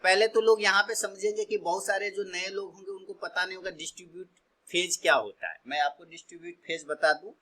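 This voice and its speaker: A man's voice: sits high, fairly quick, sharp tone. A man from India teaching stock trading in a casual way, asking himself questions and answering them, often repeating his words.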